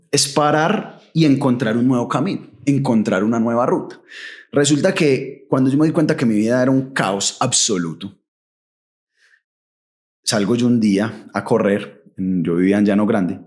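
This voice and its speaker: A young adult man with a Colombian Paisa accent, telling his story as a podcast guest, vivid and full of local slang. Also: lowish voice. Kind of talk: animated testimony.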